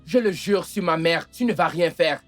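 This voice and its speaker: Dub actress as a defiant young woman, low stern voice, faint music under. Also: normal speed, lightly acted. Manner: stern, defiant, repeating herself. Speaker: voice actor in a French dub. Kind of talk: dubbed film acting.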